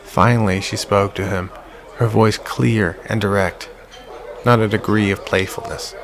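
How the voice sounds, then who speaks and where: A man tells a psychological horror story in a measured, unhurried way. His voice sits low and gravelly. A crowd murmurs behind him. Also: steady tone. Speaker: audiobook narrator. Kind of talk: scripted horror audiobook narration.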